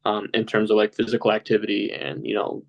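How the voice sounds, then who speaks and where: Raised speaking Polish at home, this young man rambles casually as a podcast guest, constantly reaching for fillers like "you know." He speaks quickly in a lowish voice with vocal fry and a completely flat delivery.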